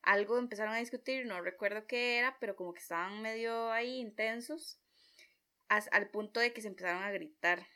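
Bright-voiced Costa Rican woman telling a story. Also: medium pitch, a little fast. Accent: Costa Rican Spanish. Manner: chatty, expressive storyteller with lively quoted reactions. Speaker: vlogger. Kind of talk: storytime vlog.

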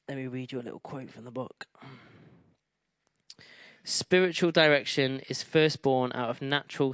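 Clear-voiced man in an informal talk. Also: medium pitch, fairly bright tone, dry recording, studio quality. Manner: conversational, hesitant, self-correcting. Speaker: speaker presenting a book.

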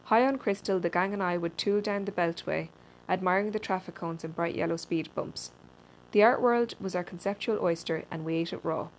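A woman reads a personal essay aloud in a dry, deadpan manner, with a slightly low voice. She sometimes trips over a word and restarts it. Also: brisk, slight background noise, low-quality recording. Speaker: reader.

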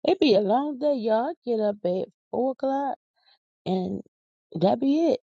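A Philadelphia woman hosts a podcast in a casual, rambling monologue, tired, silly and folksy, full of exclamations. Her voice sits on the high side with lively intonation and an unhurried pace, in a dull, dry lo-fi recording.

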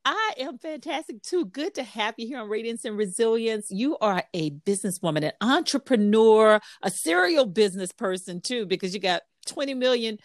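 A woman's voice: on the high side, expressive, normal speed, hardly any pauses, no echo, studio quality. A woman hosting a chat show, upbeat and affirming toward her guests. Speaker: host. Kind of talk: casual interview chat.

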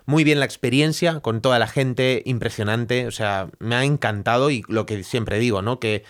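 A man, speaking at an ordinary, middle pitch. He tells his stories animatedly in easy podcast chat and acts out the news quotes as he goes. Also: moderate pace. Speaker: podcast co-host. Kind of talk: casual chat.

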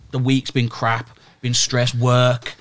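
A man's voice: medium pitch, monotone, takes it slowly, a bit bright, no echo. A man with a British urban roadman accent, chatting casually and emphatically in heavy street slang as a football manager being interviewed. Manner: roadman slang, emphatic, repeated "bruv" and "innit". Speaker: Sunday league football team manager, interview guest. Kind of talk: casual, animated chat.

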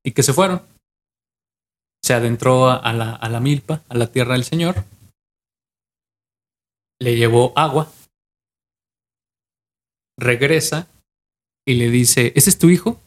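A young man with a Mexican accent tells an old legend on a casual podcast. He pieces the story together from memory, circling back over his words and restarting phrases as he goes. His voice sits at an ordinary middle pitch. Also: slow pace, long pauses. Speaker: podcast co-host.

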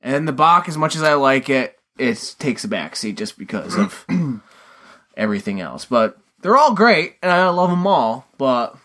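A man's voice: medium pitch, very animated, measured pace, a bit bright. A man co-hosting a podcast in casual chat, rambling and swearing freely as he talks. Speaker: podcast co-host.

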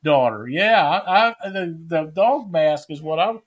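A man's voice: fairly high pitch, lively intonation, unhurried. A man hosting a live fishing stream, talking casually and rambling through stories with homespun grammar.

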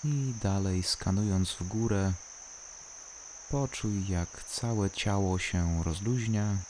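Very slow, low-pitched guided relaxation voice. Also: a little hiss or hum. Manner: calm, unhurried, soothing delivery with long pauses. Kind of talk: slow guided body-scan meditation.

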